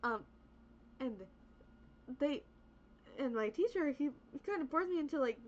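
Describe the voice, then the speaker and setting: This Spanish-speaking young woman streams as a VTuber, letting loose an unhurried, profane rant in a high, expressive voice. Her rambling monologue leans heavily on "like" and "right?", captured on a dull, lo-fi recording.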